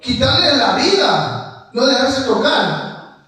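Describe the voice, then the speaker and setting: High-voiced man preaching in an echoey hall. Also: very animated, takes it slowly, bright, forceful tone, far from the mic. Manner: emphatic, asks the congregation to repeat phrases after him. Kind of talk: sermon. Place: church hall.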